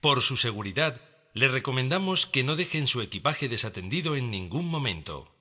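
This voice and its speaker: A man's voice: medium pitch, very animated, normal speed, pushed and bright. A man voicing a formal airport announcement, in a scripted public-address style.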